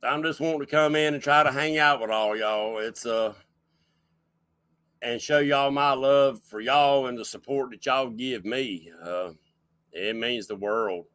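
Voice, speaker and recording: A man's voice: mid-range voice, measured pace, fairly bright tone, no room sound. A man hosting a casual livestream chat show, folksy and rambling as he welcomes people in. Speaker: show host.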